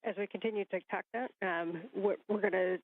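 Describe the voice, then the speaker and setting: A woman acting as mission control communicator, giving measured procedural technical instructions to spacewalkers over a radio link. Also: medium pitch, fairly even intonation, no echo. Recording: dry, thin phone-like radio channel.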